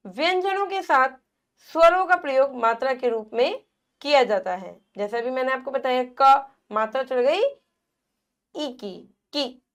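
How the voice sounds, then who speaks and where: A woman teacher giving a lesson to young children, sounding out syllables slowly and asking them questions. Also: sits high. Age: adult. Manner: slow, drawn-out sounding of syllables; asks the children questions and repeats answers.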